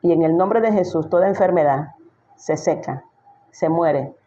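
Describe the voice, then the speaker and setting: A woman's voice: on the low side, a little slow, warm tone, dull audio. A woman pastor giving an emphatic sermon, full of rhetorical questions she answers herself.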